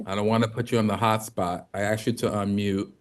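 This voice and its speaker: A man hosting a casual livestream chat as co-CEO, upbeat, chatty and quick to laugh. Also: on the low side, level tone. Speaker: co-CEO and host. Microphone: video call.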